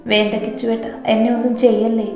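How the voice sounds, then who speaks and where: A woman's voice: fairly high pitch, little pitch movement, fast talker, darkish tone, close to an everyday voice. Woman voicing a defiant young wife. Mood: pleading. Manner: indignant, pleading. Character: defiant young wife and mother, fierce then terrified. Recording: roomy reverb, faint music.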